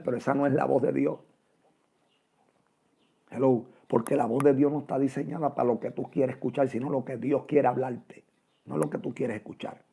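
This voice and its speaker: A man's gravelly, deeply husky voice, dark in tone, preaching a fervent radio sermon. He speaks, calling out "amén" and "gloria al Señor" between phrases. He addresses his listeners directly as "hermano".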